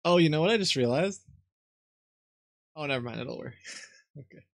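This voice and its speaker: A young man livestreaming casually from home, talking in a low-key way, half to himself. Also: expressive, brisk, gravelly, dry recording, studio quality. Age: young adult. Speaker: live streamer. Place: small room at home.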